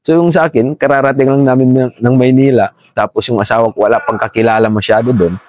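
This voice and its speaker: His mid-range voice is steady and somewhat dark, and he moves quickly as this middle-aged former rebel fighter shares his story with the interviewer. He remains deferential throughout, calling the host sir again and again.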